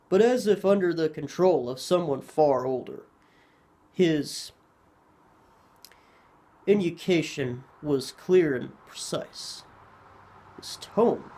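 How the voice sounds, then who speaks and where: Slow, measured male storyteller. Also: a little high, darkish tone. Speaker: narrator. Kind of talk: scripted narration of a horror story.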